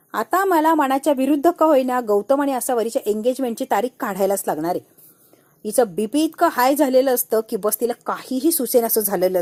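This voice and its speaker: A woman's voice: sits high, warm tone, no echo. A woman casually retelling a TV serial episode, briefly voicing each character's lines as she goes. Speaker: narrator recapping a TV serial. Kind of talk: casual storytelling recap.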